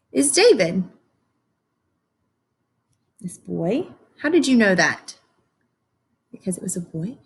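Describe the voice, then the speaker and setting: Reading to young kids like a teacher, a woman works through a picture book, breaking off to explain and to ask gentle, simple questions that encourage them. She speaks in a husky, mid-range voice.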